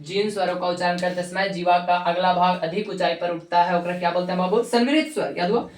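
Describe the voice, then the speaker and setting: A woman's voice: fairly low pitch, steady tone, a little fast. Bihari-accented woman teacher drilling a grammar lesson, answering her own questions, recorded in an echoey room. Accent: Magahi-inflected Hindi from Bihar. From Bihar, India. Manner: repetitive drilling, asks questions and answers them herself.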